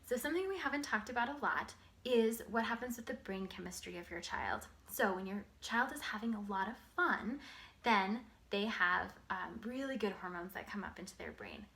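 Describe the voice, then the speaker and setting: A woman giving an instructional talk to parents as an early literacy educator, explaining in simple, clear phrases. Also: medium pitch, animated, moderate pace, fairly bright tone.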